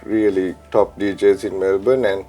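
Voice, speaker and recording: A man in his thirties from Sri Lanka, a chef and DJ, answering interview questions in a relaxed, reflective way with many ums and uhs, on a lapel mic in a studio. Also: low voice, moderate pace, faint music behind. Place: studio set with pink backdrop.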